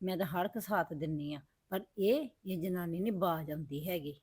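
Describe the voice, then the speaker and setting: A woman playing a blunt rapid-talking wife. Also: mid-range voice, darkish tone, dry recording, close to an everyday voice. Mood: muttering aside. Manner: fast, reproachful, then muttering asides. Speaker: Sukhwinder, sister-in-law. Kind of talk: web series drama acting.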